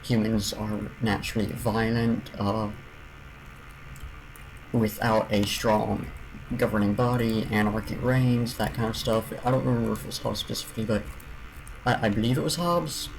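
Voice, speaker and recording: Man, gravelly voice, mid pitch, casual gameplay commentary, rambling, restarts, faint background noise. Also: steady tone, moderate pace, rough recording. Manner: rambling, thinking aloud with many restarts. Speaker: streamer.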